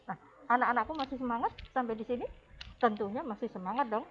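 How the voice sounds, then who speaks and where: A woman music teacher giving a recorded lesson, patiently explaining to her pupils and addressing them warmly as a class. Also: fairly high pitch, fast, lo-fi sound, background noise.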